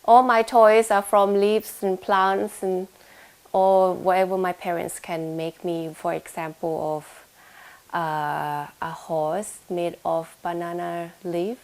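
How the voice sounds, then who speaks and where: In a casual oral history interview held in a home room in London, a young woman from Thailand responds with a Thai accent. She speaks slowly in a lowish, steady voice, hesitating often with fillers and restarts.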